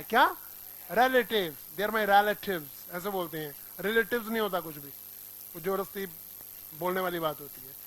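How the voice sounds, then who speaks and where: A man teaching English words, his voice high and bright. He drills pronunciation and keeps quizzing the class. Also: rough recording. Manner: drills pronunciation, quizzing students with repeated questions. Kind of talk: classroom vocabulary lesson.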